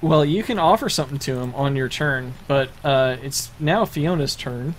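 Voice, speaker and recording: A man running a tabletop role-playing game as game master, narrating the action in a halting way with many fillers and restarts. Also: medium pitch, a little hiss or hum.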